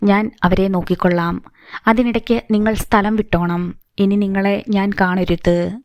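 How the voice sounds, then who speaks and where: A woman's voice: mid-range voice, steady tone, unhurried, darkish tone, no room sound, lightly acted. A woman voicing a desperate young woman, the eldest sister, speaking urgently in a story. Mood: frantic.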